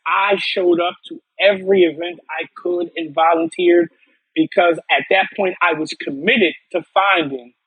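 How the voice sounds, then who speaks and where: A man's voice: sits high, husky, dry recording, phone-quality sound. A man from upstate New York, a podcast guest telling his personal story earnestly, often restarting and repeating words.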